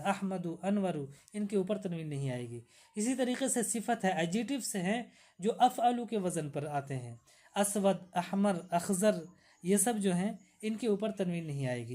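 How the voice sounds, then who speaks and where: A woman's voice: mid-range voice, warm tone. A woman teaching Arabic grammar in a lecture, patiently repeating each rule with examples.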